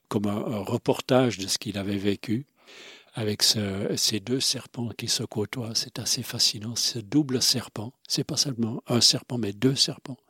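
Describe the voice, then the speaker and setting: A man's voice: lowish voice, pushed and bright, breathy edge, no echo, studio quality. A man telling travel stories as a guest, enthusiastic and expansive, with frequent hesitations. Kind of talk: conversational storytelling.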